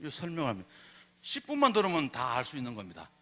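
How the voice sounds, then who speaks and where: Animated man giving a lecture. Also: medium pitch, quick pace. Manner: rhetorical questions, demonstrates sounds. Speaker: public lecturer. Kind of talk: public lecture on Korean script.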